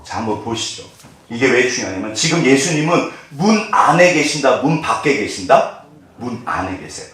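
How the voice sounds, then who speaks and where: A man's voice: mid-range voice, moderate pace. A male pastor preaching a sermon, asking the congregation questions and answering them himself, acting out voices along the way. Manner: animated, acts out quoted voices. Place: church sanctuary. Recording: very echoey hall, mic at a distance.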